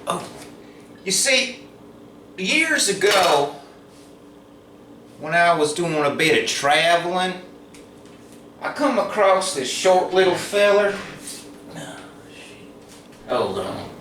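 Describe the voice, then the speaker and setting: A man's voice: sits high, animated, takes it slowly, long pauses, a bit bright. A man telling a rambling tall tale in a folksy, meandering way while he cooks, at times dropping to a whisper. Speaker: host cooking on camera. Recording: roomy, distant, noisy ambience.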